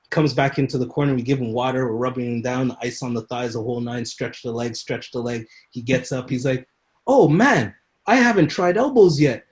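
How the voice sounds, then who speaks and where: Muay thai coach guy spinning a story on a podcast, mid-pitched, really animated, acts out the people in it. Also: fast talker. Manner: animated storyteller who acts out quoted people and laughs often. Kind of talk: casual storytelling in a podcast interview.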